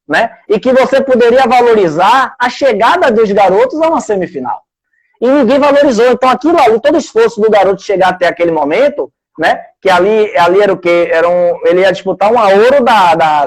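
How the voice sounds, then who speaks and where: A man's voice: high-pitched, poor audio. A man with a Brazilian Portuguese accent, a sports coach speaking in a live interview, earnest and conversational as he tells anecdotes and acts out what people said.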